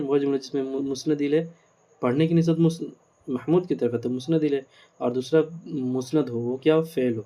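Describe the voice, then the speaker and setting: A man's voice: medium pitch, mellow. A male teacher giving a grammar lecture, explaining step by step, asking rhetorical questions and mixing in English words.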